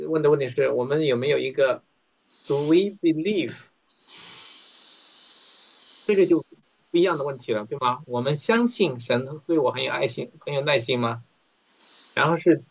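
A man's voice: fairly high pitch, creaky. Man leading a conversational Bible study. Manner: conversational, keeps asking listeners questions. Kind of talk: interactive Bible teaching. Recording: dull lo-fi recording.

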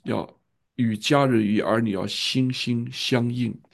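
A male pastor tells a story in sermon style, earnest and repeating key phrases. His voice is gravelly, with a husky edge. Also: medium pitch, steady tone, slow.

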